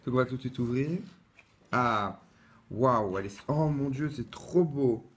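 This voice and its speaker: A man's voice: mid-range voice, unhurried. Chatty man unboxing a collectible. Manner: chatty and hesitant, many fillers and restarts. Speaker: collector unboxing a replica wand. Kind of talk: casual unboxing vlog. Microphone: camera mic, close-up.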